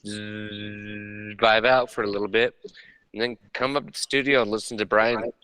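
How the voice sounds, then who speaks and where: Bright, crisp, joking man. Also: mid-range voice, fairly even intonation, fairly quick, no room sound, low-quality recording. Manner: joking, playful. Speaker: podcast co-host. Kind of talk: casual chat.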